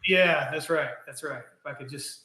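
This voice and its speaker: A man's voice: a little high, moderate pace, pushed and bright. A middle-aged man with an Appalachian accent, chatting casually as an interview guest. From Kentucky, US. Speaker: podcast guest, business owner. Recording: echoey room.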